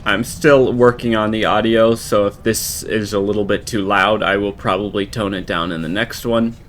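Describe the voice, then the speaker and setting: An American man giving in-character roleplay commentary while playing a farming game, halting and rambling with many restarts. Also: on the low side, steady tone, a bit bright, a little hiss or hum. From United States. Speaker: game roleplayer and channel host.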